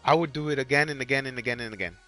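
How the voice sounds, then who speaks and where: A young man with a Mexican accent chats to viewers during a live game stream, racing along in a sharp, medium-pitched voice and rambling, repeating himself with lots of "like" and "you guys." Faint music sits underneath a rough recording.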